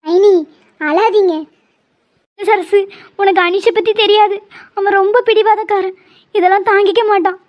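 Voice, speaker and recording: A woman's voice: very high-pitched, fairly even intonation, a little slow, pauses often. A woman voicing a worried mother in a cartoon, asking fretful, pleading questions about her son.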